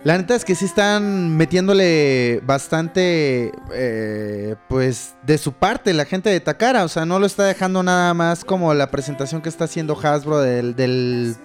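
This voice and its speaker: A Mexican podcast co-host chats casually in slangy Mexican Spanish, laid-back and saying "güey" constantly. His voice is a little high, his pace measured with few pauses, and soft music plays in the background.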